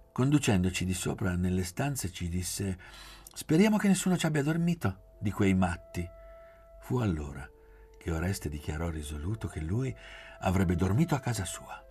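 A man reading a novel aloud in a measured, quiet, literary way. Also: sits low. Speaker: narrator.

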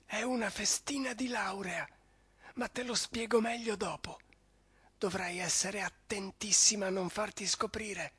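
A man reading a story and voicing a scheming male rat in a breathy half-whisper. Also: sits high, fairly even intonation, a little slow, a bit bright, no room sound, voice pushed up, exaggerated voice. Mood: urgent, hushed.

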